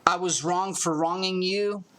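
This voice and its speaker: A man's voice: high voice, fairly even intonation, measured pace, fairly bright tone. A man hosting an interview, talking casually with a joking, self-deprecating manner. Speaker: host.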